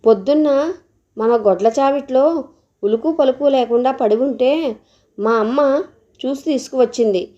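A woman's voice: high voice, a little slow, pauses often, mellow, highs cut off, pitched above the performer's own voice. A woman voicing a worried village mother who anxiously scolds her daughter. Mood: scolding.

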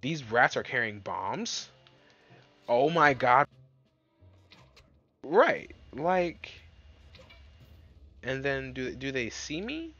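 A man's voice: medium pitch, very slow, pauses often, faint music behind. Guy playing a game and cursing a lot, voice jumps all over, kinda muffled mic w/ light hiss. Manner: excitable, swearing, jokey, talks to himself and viewers. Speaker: gaming YouTuber. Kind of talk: casual let's-play commentary. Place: dark room at home.

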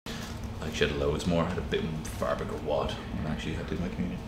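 A man's voice: rumbling low, steady tone, rapid-fire, creaky. A man in his thirties with a Dublin accent, bantering casually. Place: converted rustic room used as a photo studio. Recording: noisy echoey room, background ambience.

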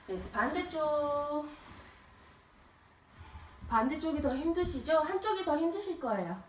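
High-pitched woman gym coach, echoey and distant. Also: lively intonation, measured pace, slight background noise. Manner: gym coach calling out counts and cues. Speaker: home workout instructor. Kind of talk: exercise coaching with rep counting. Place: small carpeted home room, indoors. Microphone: camera a few metres away. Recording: roomy, echoing, distant camera microphone.

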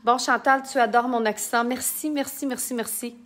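A woman's voice: fairly high pitch, steady tone, normal speed. A woman with a Québécois accent, chatting and joking while she demonstrates makeup in a casual live tutorial and reads out viewer comments. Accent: Québécois French. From Quebec.

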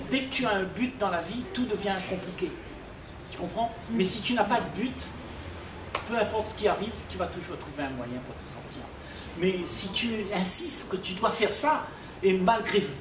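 An older man speaks slowly and gently, like a teacher leading a dialogue. He sounds distant from the microphone in a reverberant room. A steady background noise sits under his voice. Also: high voice. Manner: calm, teaching, often asks "tu comprends?". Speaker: speaker at a public talk. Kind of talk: spiritual dialogue with audience. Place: library reading area, indoors. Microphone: far room microphone. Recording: echoey room, distant mic, noisy.

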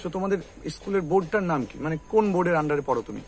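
Guy teaching english sounds, high voice, says every word over and over and quizzes the kid. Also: lively intonation, very fast, a little hiss or hum. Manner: drills words by repeating them and quizzing. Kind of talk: tutoring lesson with a student.

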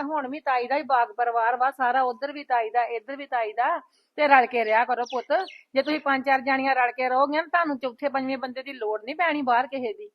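A Punjabi woman with a high, quick voice plays a soothing elder aunt in a village drama. She speaks calmly and kindly, urging peace. The recording sounds a little dull. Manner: calm, soothing, advising elder tone. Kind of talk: scripted village family drama.

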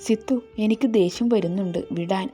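A woman's voice: mid-range voice, fairly quick, dark tone, husky, soft background music, natural voice. A woman voicing a frightened young woman who pleads to be let go in a storybook reading. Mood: pleading. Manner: pleading, tearful.

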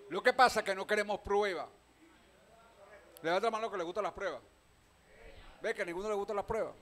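A man with a Venezuelan accent preaching a sermon, calling out questions to the congregation and swinging between loud proclaiming and quiet talk. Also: high voice. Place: church hall.

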